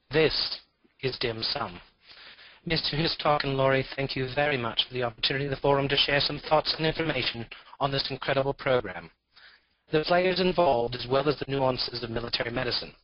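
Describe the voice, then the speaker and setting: Presenter, male, voice masked with distortion, formal delivery with dry asides, dull lo-fi call audio. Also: medium pitch. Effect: distorted voice disguise. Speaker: forum presenter. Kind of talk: prepared presentation. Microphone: conference call.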